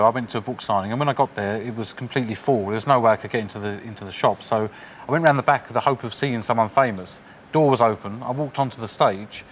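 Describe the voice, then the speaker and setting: A man in his forties speaks as a quiz show team captain, rattling through his words at a brisk pace. His pitch is ordinary and mid-range, and a faint background hiss sits under his chatty anecdote-telling. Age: 40s.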